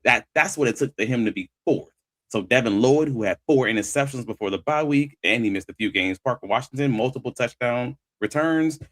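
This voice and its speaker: A man's voice: mid-range voice, lively intonation, fairly quick, a bit bright, no room sound. A man hosting sports talk, giving conversational analysis and stressing his key points as he argues them. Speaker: sports talk show host.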